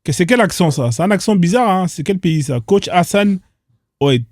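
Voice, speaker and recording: A man's voice: sits high, lively intonation, moderate pace, a little mellow, dry recording. A man hosting casual reaction commentary on odd internet clips, incredulous and firing off rhetorical questions in street slang. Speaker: host reacting to social media clips.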